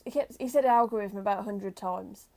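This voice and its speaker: A woman's voice: mid-range voice, brisk, vocal fry, darkish tone. A woman from the UK co-hosting a reselling channel, chatting casually with dry jokes and fillers. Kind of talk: casual chat.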